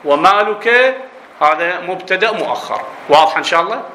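Speaking briskly with a high, bright, forceful voice and lively intonation, a man with an Iraqi accent gives an Arabic grammar lesson. He explains, asks his students questions and drifts into dialect, on a low-quality, roomy recording with slight hiss or hum.

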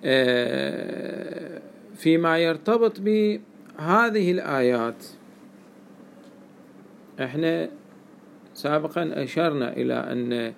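A man gives a classroom lesson. His voice is gravelly and sits a little high, and he works through each point slowly, checking in with his students through questions. Faint background noise runs under the recording. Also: animated. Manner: explains step by step, quizzing students with questions. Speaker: teacher of Quranic exegesis.

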